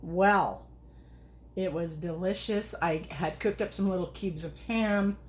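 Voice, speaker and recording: A woman's voice: lowish voice, takes it slowly, a little hiss or hum. Chatty woman cooking live in echoey kitchen. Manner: chatty, rambling, laughs often. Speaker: host of a cooking livestream. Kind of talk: casual cooking livestream chat. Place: home kitchen.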